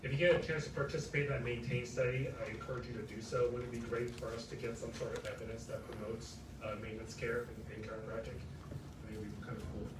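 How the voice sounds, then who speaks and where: A man's voice: medium pitch, steady tone, fast talker. A man giving an informal ceremony address as clinic director, speaking plainly with some fillers. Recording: roomy, distant mic, noisy.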